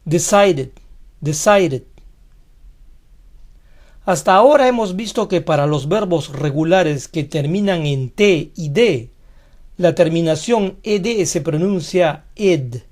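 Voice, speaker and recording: Very slow, deliberate language teacher voice. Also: medium pitch, expressive, a little mellow. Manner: slow, deliberate, repeats each model word twice. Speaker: English teacher. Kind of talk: scripted pronunciation lesson.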